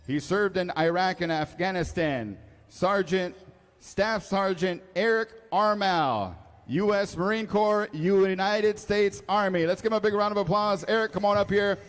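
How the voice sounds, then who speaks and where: A man working as a powwow emcee, announcing ceremonially to a live gathering, with drawn-out introductions and calls to the crowd. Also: high voice, clear, resonant tone. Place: large echoey indoor school venue. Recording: echoey hall PA with music.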